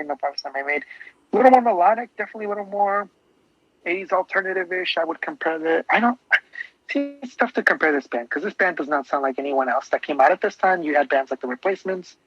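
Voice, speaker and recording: A man's voice: high-pitched, lively intonation, quick pace, fairly bright tone, no room sound. Rambling enthusiastic man, dull lo-fi sound. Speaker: podcast co-host. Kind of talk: casual music discussion. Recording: dull lo-fi podcast audio.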